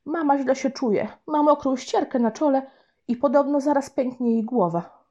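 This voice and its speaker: A woman's voice: high voice, moderate pace, pitched above the performer's own voice, close to an everyday voice. A woman voicing a mischievous young boy who tells exaggerated fibs, in a storybook reading. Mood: fibbing, playful. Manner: lively, exaggerated fibbing. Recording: dull lo-fi recording.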